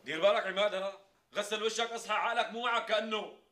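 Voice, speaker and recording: An actor playing a grumbling, bossy middle-aged office worker with a Syrian accent in a television comedy-drama. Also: male voice, on the high side, lively intonation, quick pace, pushed and bright, reverberant. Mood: teasing, bossy. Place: small office set indoors.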